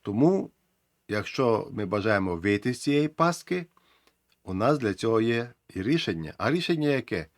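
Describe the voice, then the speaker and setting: A man's voice: fairly low pitch, big pitch swings, normal speed, no room sound, studio quality. A man teaching a lesson, earnest and encouraging, repeating his key phrases. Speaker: English teacher.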